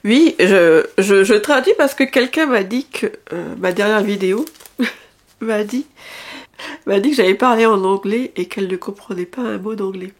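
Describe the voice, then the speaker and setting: A woman talks to her viewers in a loose, rambling vlog chat, laughing often and restarting her sentences. Her voice sits in a middle range with a noticeable gravelly fry. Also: mid-range voice, normal speed. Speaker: vlogger. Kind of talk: casual chat.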